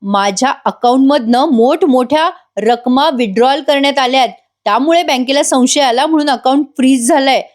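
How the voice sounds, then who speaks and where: A woman's voice: high-pitched, normal speed, few pauses, lightly acted. A woman reading an upset, exasperated young wife. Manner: pleading, exasperated.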